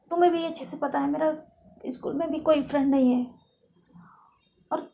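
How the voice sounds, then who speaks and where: A woman voicing an indignant schoolgirl who is hurt by an accusation, with high, tearful outbursts. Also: gravelly, a little mellow, heavily acted. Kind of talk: dramatic Hindi story reading.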